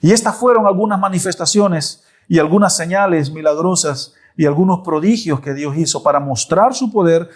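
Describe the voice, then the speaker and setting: A man preaching a Bible study, telling the story with lively asides. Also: on the high side, moderate pace, few pauses. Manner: animated storytelling with repeated asides.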